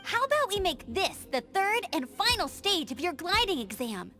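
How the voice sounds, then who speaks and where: Game VO: an energetic young female scout, very high and lively, music bed behind. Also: full character voice. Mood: eager, upbeat. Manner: energetic, quick to take charge. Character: peppy young female scout, eager and bossy. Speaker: game character. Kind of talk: video game voice acting.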